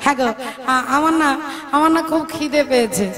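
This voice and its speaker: A woman's voice: sits high, brisk, natural voice. A woman voicing a playful young cowherd boy who sweetly begs for food, over devotional music. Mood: coaxing. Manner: coaxing, sweetly pleading.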